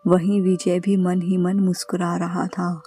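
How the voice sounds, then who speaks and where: A woman narrating a scripted horror story in a slow, even storytelling manner. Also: fairly low pitch, slightly rough. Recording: faint background music.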